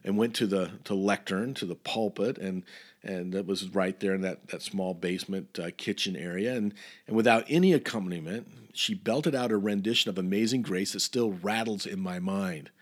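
A man's voice: deep voice, moderate pace. A man preaching a sermon through a personal story, in a folksy way with chuckles and many restarts.

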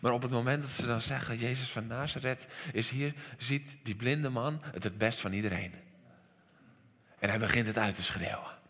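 A Dutch pastor preaches with a bright, forward voice that rings out in a church hall with a long reverb. He is animated, sinks to near-whispered lines, then bursts into a shout. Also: mid-range voice, normal speed. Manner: animated preaching, soft drops to quiet lines, sudden shouts. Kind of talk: sermon.

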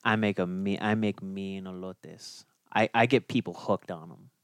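A man's voice: deep voice, fairly even intonation, moderate pace, clear, resonant tone, no room sound. A man co-hosting a casual hockey podcast, laid-back and teasing, reading game results off his notes. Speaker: podcast co-host.

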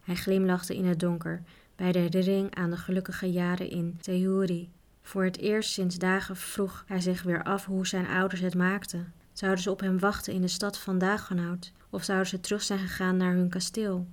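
Woman narrator, storybook, calm, flat delivery. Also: fairly low pitch, moderate pace. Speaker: audiobook narrator.

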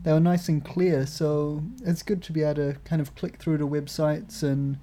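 An upbeat New Zealand woman co-hosts a casual podcast, laughing easily between points. Her voice is very low for a woman and soft and mellow in tone. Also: flat delivery, moderate pace. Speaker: podcast co-host. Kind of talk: casual review chat.

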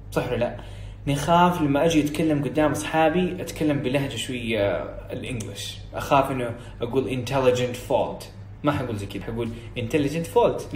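A young man from Saudi Arabia with a Hijazi accent, coaching in an energetic, encouraging, casual teaching way. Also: mid-range voice. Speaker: English speaking coach. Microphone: phone video story. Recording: roomy echo, faint room hiss.

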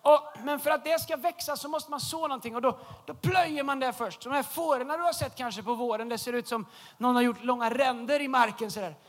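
A man preaching a humorous sermon in a church, telling a story with lively shouted punchlines. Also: very high voice. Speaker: pastor. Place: large church hall.

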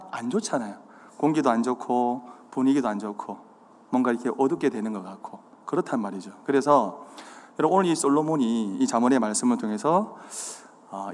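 A man's voice: mid-range voice, a little fast. A man preaching a sermon, quizzing his congregation with questions and acting out the signs of anger. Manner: animated, acts out anger. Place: church sanctuary. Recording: hall reverb.

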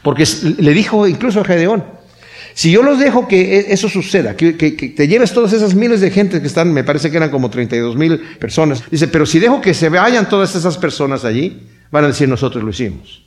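Animated Spanish-speaking preacher, higher-pitched man. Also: brisk. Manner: conversational preaching, frequent "¿verdad?" asides and repetitions; animated, with wide swings in pitch and loudness. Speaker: pastor. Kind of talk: sermon.

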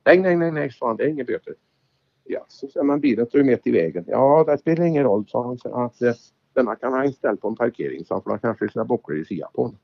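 A former rally driver shares stories in a casual chat, acting out the conversations he quotes. His voice is medium-pitched and animated, with vocal fry, and the lo-fi recording sounds dull.

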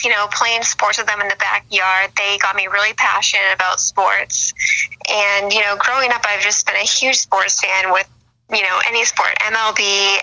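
A young woman from Boston, USA, a sports blogger, is a guest in a casual phone-line interview, chatting with lots of fillers and restarts. Her mid-range voice sounds pushed and bright. The recording is rough.

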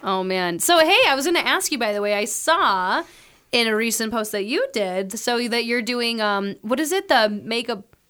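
Bright, chatty woman co-host. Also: a little high, moderate pace, smooth. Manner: chatty, animated, laughs often. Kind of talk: casual chat.

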